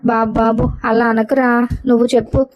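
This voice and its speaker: Fed-up young housewife, sarcastic and complaining, slightly high, dull lo-fi storybook recording, voiced by a woman narrator. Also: flat delivery, normal speed, a little hiss or hum, natural voice. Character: young housewife, sharp-tongued and exasperated.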